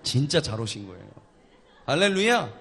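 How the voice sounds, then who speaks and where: Leading a church service, this male pastor jokes with his congregation and energetically coaxes them to greet each other and respond. His voice sits at medium pitch and moves at a moderate pace, with a little hiss or hum on the recording.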